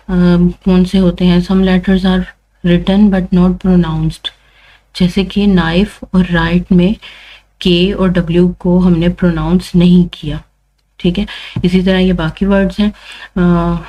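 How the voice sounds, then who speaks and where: A woman's voice: fairly low pitch, muffled recording. A woman teaching English pronunciation rules, patiently repeating points and checking in with learners. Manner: patient, repeats points with frequent "thik hai" check-ins.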